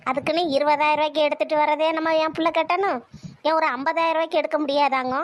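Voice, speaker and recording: A bossy old grandmother, played by a woman, always finding fault and nagging her family. Her voice sits high and the words tumble out fast as she scolds everyone. It plays like a homemade family skit. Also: steady tone, lightly acted. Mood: indignant. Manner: scolding, rapid-fire complaining. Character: sharp-tongued domineering old grandmother. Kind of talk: family comedy skit acting.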